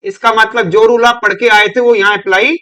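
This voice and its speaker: A man's voice: high-pitched, little pitch movement, fairly quick, bright, forceful tone. A man teaching an English grammar lesson, questioning and coaxing his students and repeating words. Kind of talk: classroom lecture.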